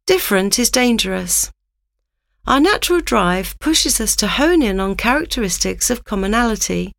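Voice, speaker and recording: A woman giving a scripted, instructive narration in a measured reading manner. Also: mid-range voice, animated, vocal fry, fairly bright tone, dry recording, studio quality.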